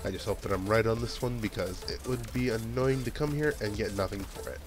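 A let's play gamer with a stuffy nose talks a little fast in a lowish voice, with game music running underneath. He gives casual commentary and thinks aloud about his next move.

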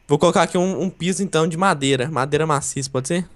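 High, quick teasing male gamer. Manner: teasing, playful banter. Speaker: gaming video co-host. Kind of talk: casual gameplay chat.

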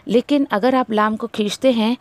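A woman teaching a Quran recitation lesson, correcting pronunciation by slowly repeating syllables to demonstrate. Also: a little high, no room sound. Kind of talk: tajweed lesson.

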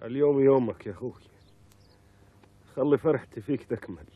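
Male actor as ailing young Bedouin, medium pitch, tender Bedouin Arabic, earnest TV-drama delivery, dry thin sound. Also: fairly quick, breathy edge, no room sound, narrow, tinny audio, natural voice. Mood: tender, weakened. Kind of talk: Bedouin television drama acting.

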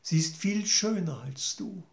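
A man voicing a small magic trout in a fairy tale, speaking quietly and calmly. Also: high-pitched, a little slow, creaky, pitched above the performer's own voice, full character voice. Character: a small magic trout who tells the truth. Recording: roomy echo.

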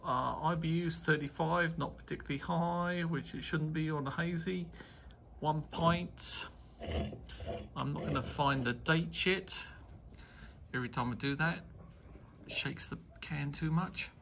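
Male beer reviewer, deep-fried gravelly voice, unhurried casual chat, light hiss behind. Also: a bit bright. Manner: rambling, enthusiastic tasting remarks.

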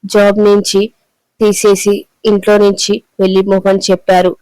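A woman voicing a meek old male clerk who pleads that he is innocent, in a smooth, dry voice. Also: mid-range voice, completely flat delivery, normal speed, warm tone, dry recording, lightly acted, low-quality recording. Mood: hurt. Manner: pleading, defensive.

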